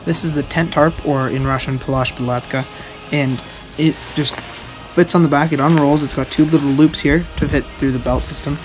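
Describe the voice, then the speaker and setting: A young man giving a casual, halting show-and-tell as a video host, recorded outdoors at a short distance from the camera. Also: on the high side, noisy background. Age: teenager or young adult. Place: outdoors on a wooden backyard deck.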